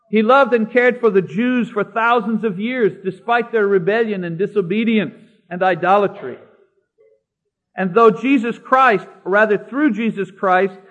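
High-voiced man preaching a sermon. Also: a bit bright. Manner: emphatic, slows down to stress key words; cites scripture chapter and verse. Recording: dull lo-fi recording.

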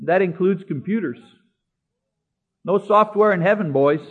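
A man preaching a sermon, slowing down to stress key words and citing scripture by chapter and verse. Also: sits high, husky. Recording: dull lo-fi recording.

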